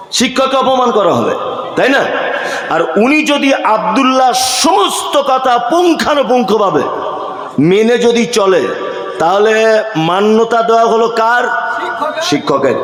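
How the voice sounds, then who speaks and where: High-voiced preacher in an echoing hall. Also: male voice, sing-song, a little slow, long pauses. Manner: rhetorical questions to the crowd, emphatic. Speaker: Islamic preacher. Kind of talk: sermon at a religious gathering. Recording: echoey hall.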